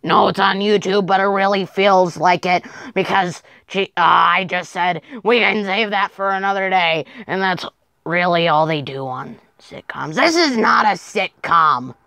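A woman voicing a sceptical, grumbling rabbit plush toy with a creaky voice in an amateur puppet show. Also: mid-range voice, unhurried, pushed and bright, no room sound.

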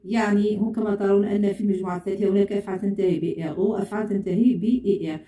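A woman teaching French grammar in a bilingual lesson, speaking slowly and repeating words and spelled letters aloud. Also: mid-range voice, fairly even intonation, dark tone, roomy sound, distant mic.

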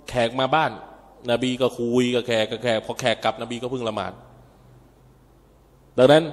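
Man lecturing in an echoing mosque. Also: mid-range voice. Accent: Thai. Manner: chatty, addresses audience as brothers and sisters, asides and chuckles. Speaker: Islamic religious teacher. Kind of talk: informal religious lecture. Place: mosque hall. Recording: long reverb of a mosque hall.

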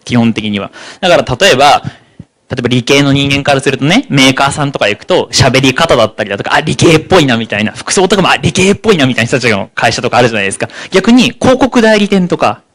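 A man giving a psychology seminar talk, speaking rapidly and slowing down for key points. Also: mid-range voice. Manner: rapid, animated delivery that slows for key points. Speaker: lecturer on psychology.

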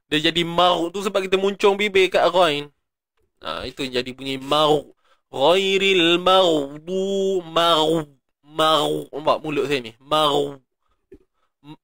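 A man with a Malaysian Malay accent teaching Quran recitation in an online class, chanting examples slowly and explaining in between. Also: on the high side, a bit bright, no room sound, clean studio sound. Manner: demonstrates pronunciation repeatedly, light laughs.

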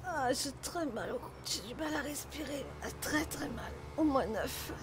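A woman's voice: high voice, lively intonation, measured pace, noisy background. Woman acting pained, breathless injured woman. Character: injured woman accident victim, pained and weak. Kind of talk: improvised online game role-play.

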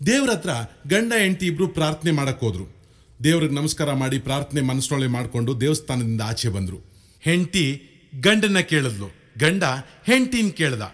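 A man's voice: on the high side, lively intonation, brisk, fairly bright tone. A man telling jokes on a comedy cassette, chatty and storytelling. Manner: chatty joke-telling, shifting into voices. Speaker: comedian and mimic.

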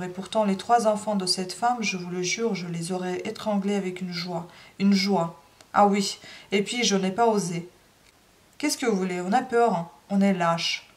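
Woman reading as a grieving peasant man, bitter, rough, storybook reading. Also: sits high, far from the mic. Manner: rough, angry outbursts.

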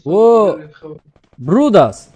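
A young man, streaming a game, loud and teasing as he jokes with strangers over voice chat, recorded on a studio mic in a small room. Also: high-pitched, very animated, very slow, husky. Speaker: gaming streamer. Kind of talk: live gameplay banter over voice chat. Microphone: studio mic on arm, headset.

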